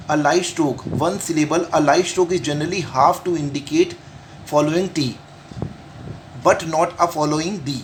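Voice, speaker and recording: Against a noisy background, a man with a fairly high pitch explains shorthand in a home lesson. He repeats each point slowly, answers his own questions, uses Hindi sprinkled with English terms, and reads the rules aloud in English.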